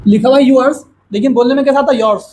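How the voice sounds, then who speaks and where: A man teaching a grammar lesson to a classroom of students, explaining slowly and asking them questions again and again. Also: very high-pitched, steady tone, dark tone, a little hiss or hum, low-quality recording.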